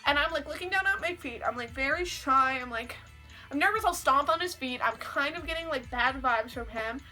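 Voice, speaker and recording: A young woman, telling a story to camera in a chatty, animated way and saying "like" a lot. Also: sits high, a little fast, soft background music, rough recording. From Canada. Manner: chatty, heavy use of "like", animated retelling. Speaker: vlogger. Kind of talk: casual storytelling.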